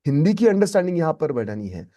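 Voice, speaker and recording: A man's voice: on the high side, big pitch swings, fast, warm tone, dull audio. A man teaching a spoken English lesson, emphatic and repeating his key points.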